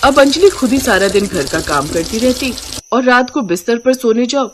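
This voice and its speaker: A woman's voice: on the high side, lively intonation, moderate pace, background noise. Woman telling a funny family story, chatty and mocking. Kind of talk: scripted comic narration.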